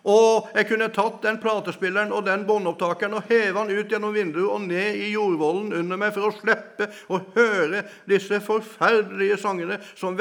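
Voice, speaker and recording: A man preaching his own testimony as a sermon, telling it dramatically and swinging between loud passages and hushed ones. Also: high voice.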